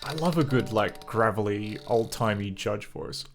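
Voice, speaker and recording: A man's voice: fairly low pitch, a little slow, music in the background. A man chatting casually and with amusement as he streams an old computer game. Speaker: streamer playing a retro game. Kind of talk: casual live-stream commentary.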